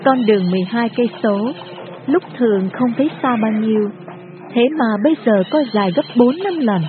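A woman's voice: on the high side, brisk, background noise. Grave woman storyteller, tinny audio. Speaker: narrator. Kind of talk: dramatic storybook narration. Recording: tinny phone-like audio with music behind.

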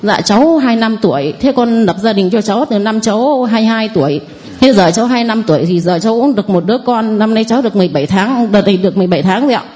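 A woman's voice: on the high side, lively intonation, rapid-fire, a little mellow. A woman in her forties with a northern Vietnamese accent, giving a nervous, rambling, deferential testimony to a priest. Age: 40s. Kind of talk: spoken testimony.

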